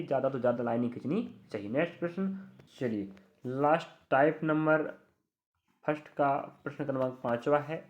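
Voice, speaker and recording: A young adult man gives an online reasoning lesson in a fairly high voice, speaking straight to his students. He repeats key words and keeps reassuring them. The recording is muffled and lo-fi. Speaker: exam coaching teacher.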